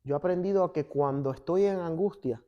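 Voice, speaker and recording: Speaking a little high and fairly quickly, a male pastor acts out dialogue as he tells stories during a sermon laced with church banter. The recording from the sanctuary is dull.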